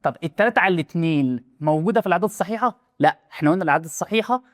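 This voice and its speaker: A young man with an Egyptian Arabic accent teaches math at breakneck speed, his voice sitting a little high for a man. He talks to the student in a loose, chatty way and keeps asking quick rhetorical questions. The sound is dry and close, with no room around it. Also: animated, dry recording. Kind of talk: casual classroom explanation.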